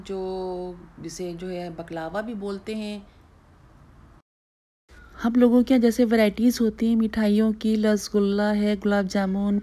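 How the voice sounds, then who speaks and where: This is a casual shopping vlog voice-over in which a woman who vlogs about food strolls through a supermarket, chatting and explaining what's stocked. Her voice is mid-range and mellow.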